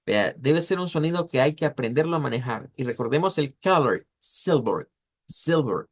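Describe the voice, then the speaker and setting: A man's voice: on the high side, lively intonation. Man teaching pronunciation, repeating words. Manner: explanatory, repeats words slowly to model sounds. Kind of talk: online class lecture.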